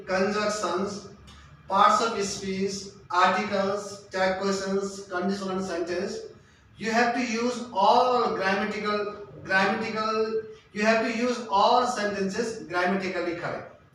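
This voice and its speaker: A man with a high-pitched, somewhat bright voice tutors an English lesson, emphatic and repetitive, working in question-and-answer fashion. The instructional lecture is recorded in an echoey room with a distant mic and faint noise.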